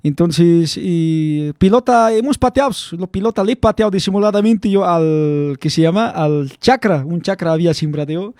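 A man's voice: high voice, animated, moderate pace, hardly any pauses, a little mellow, no room sound, studio quality. A young man rambling through a personal story, chuckling often and calling his listener by slang nicknames. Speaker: vlog host telling a story. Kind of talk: casual storytelling to camera.

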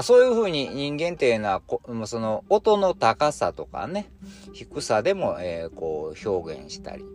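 A man with a Kansai accent musing in casual talk, full of fillers, with music playing behind him. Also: on the low side. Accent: Kansai Japanese. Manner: chatty, musing, many fillers. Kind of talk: casual spoken commentary.

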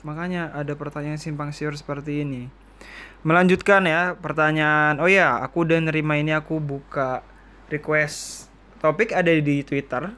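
A man in his twenties from East Kalimantan, hosting a casual solo podcast and joking his way through stories and listener questions. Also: fairly high pitch. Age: 20s. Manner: chatty, joking, quotes people in lively voices. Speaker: podcast host.

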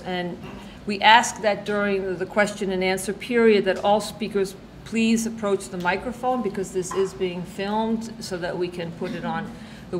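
A woman's voice: mid-range voice, poor audio. Hesitant woman introducing a guest speaker. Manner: hesitant, frequent pauses mid-phrase. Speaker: event host introducing a speaker. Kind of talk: semi-formal spoken introduction. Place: indoor event, being filmed. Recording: faint background noise.

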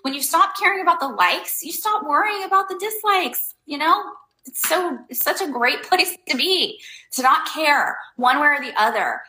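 A woman's voice: high-pitched, bright, forceful tone, roomy sound, poor audio. A woman hosting a casual advice talk for her viewers. She rambles loosely, leans hard on fillers like "um" and "like", and makes blunt, emphatic points. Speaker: host giving life advice.

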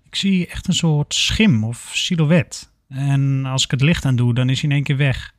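Man doing caring young woman, soft, concerned, near-natural voice, dry close sound. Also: mid-range voice, normal speed, no echo, lightly acted. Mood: calm. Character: calm, caring young woman, a care worker.

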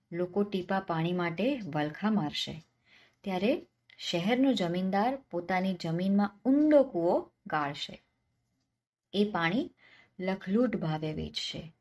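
A clever, penniless young man from a spoken folk tale, as a woman reads him. He sounds cheeky and sure of himself, turning every question back, lower-pitched. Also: expressive, takes it slowly. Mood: sly. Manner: cheeky, confident, answers questions with questions.

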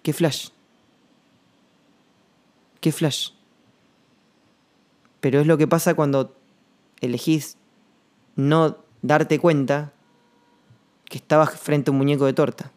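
A man with a Rioplatense Spanish accent hosting a reflective solo podcast monologue, rambling and slangy, thinking aloud with pauses. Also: a little high, fairly even intonation, darkish tone. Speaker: podcast host.

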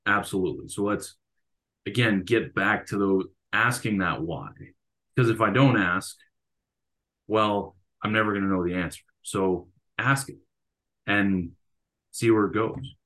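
Speaking a little slowly with long pauses, a coach and teacher whose very deep, low voice sounds pushed and bright shares his experiences reflectively. The casual interview feels like stories told to a friend.

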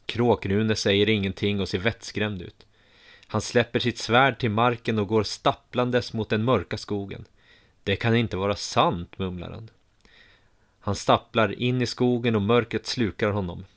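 A man narrating a first-person audiobook story in a calm, measured way. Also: on the low side.

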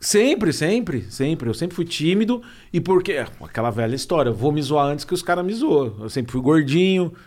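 Man with a higher voice. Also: sing-song, normal speed, few pauses, a little mellow. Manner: self-deprecating, restarts often, shifts pitch to imitate. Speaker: comedian and impressionist. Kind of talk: casual podcast chat.

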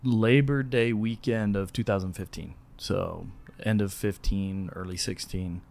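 A man's voice: on the low side, fairly even intonation, a little slow, gravelly, a little mellow. A man from Southern California, a podcast guest who talks in an easygoing, joking way. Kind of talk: casual podcast chat.

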